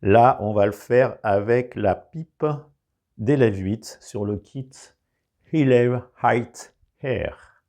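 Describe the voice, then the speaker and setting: A man's voice: fairly low pitch, slow pace, darkish tone. A man with a regional accent demonstrating a product in a casual review, explaining carefully with many hesitations. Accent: French regional.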